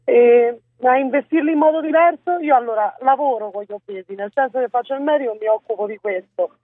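A woman's voice: a little high, fast, no echo. A woman doctor calling in to a talk show over a weak mobile phone line, arguing her point insistently. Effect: heard over a weak mobile phone line. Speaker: radio call-in caller, a doctor. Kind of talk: arguing with the host on a call-in show. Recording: tinny dry phone line.

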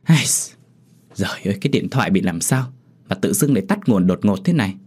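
A man's voice: on the low side, expressive, brisk, darkish tone, slightly rough. Nagging older mother, voiced by a man. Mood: fretful. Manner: nagging, chiding. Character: scolding older mother, teasing, pushy.

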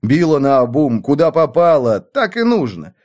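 Male audiobook reader, dramatic clipped delivery, very animated melody. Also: on the high side, unhurried. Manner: dramatic, rhythmic clipped phrasing. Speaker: audiobook narrator. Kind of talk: scripted narration.

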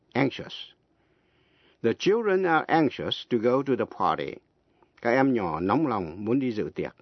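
A man teaching an English lesson on the radio, speaking slowly and spelling words out letter by letter. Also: on the low side, no echo. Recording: dull lo-fi radio broadcast.

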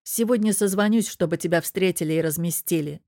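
A woman reading the curt, commanding lines of a stern male friend in an audiobook, in a low voice. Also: brisk, warm tone, no room sound, clean studio sound, natural voice. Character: stern, blunt male friend, middle-aged businessman.

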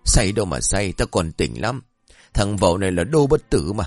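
A man voicing a rowdy, boastful old drunk master in a comic story, bickering loudly. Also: sits low, very animated, moderate pace, dry recording, faint music behind, exaggerated voice. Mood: quarrelsome.

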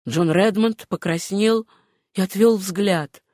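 A woman narrating a novel in a steady, even storytelling manner. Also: mid-range voice, slow, no echo, clean studio sound. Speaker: audiobook narrator.

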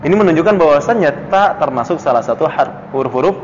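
A man's voice: fast talker, a little hiss or hum. A man teaching a classical Arabic text to a study circle, quizzing students by name and chuckling between points. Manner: questions students by name, chuckles, animated pitch jumps. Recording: dull lo-fi audio in a reverberant room.

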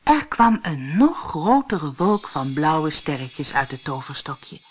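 A Dutch woman reading a children's fairy tale aloud with expressive storytelling. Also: deep voice, slow pace, slight background noise. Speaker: audiobook reader. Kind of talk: scripted children's story narration.

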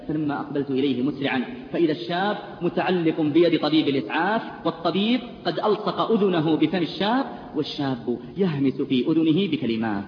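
A man preaching in a high, ringing voice, his fervent storytelling swelling toward tearful intensity. The sound is dull and lo-fi, with long reverb from a large hall and a faint hiss underneath. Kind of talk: impassioned sermon storytelling.

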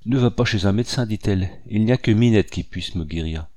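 A man voicing a sick, feverish little girl who talks in a soft, plaintive way. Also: fairly low pitch, fairly quick, no room sound, clean studio sound, close to an everyday voice. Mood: pleading.

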